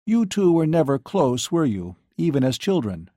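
A man's voice: on the high side, big pitch swings, normal speed, dark tone, no room sound, clean studio sound, pitched above the performer's own voice. A man reading an audiobook, voicing a worn middle-aged professor who talks in an ingratiating, wheedling way. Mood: casual prying. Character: weary, lecherous middle-aged male professor, persistent.

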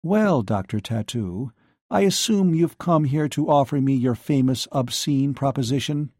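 A man's voice: medium pitch, lively intonation, a little slow, a little mellow, no room sound, clean studio sound. A man voicing a coldly cutting young woman. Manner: clipped and cutting. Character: cold, acerbic young woman bar owner.

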